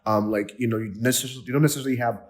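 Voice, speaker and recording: Rapid-fire and mid-range in pitch, this Nigerian man hosts a casual podcast interview. He comes across as enthusiastic, leaning on fillers and restarting often.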